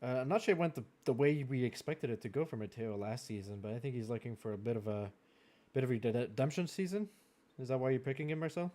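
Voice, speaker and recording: French Canadian male host, mid-pitched, chatty, laughs often, loose filler-heavy draft commentary. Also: quick pace, warm tone. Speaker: host of a racing league draft. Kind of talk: live-streamed draft commentary.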